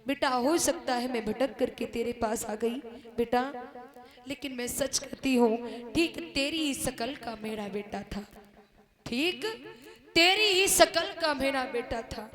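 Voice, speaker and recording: A woman playing a soft-spoken, pleading old mother. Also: high-pitched, measured pace, a crowd in the background.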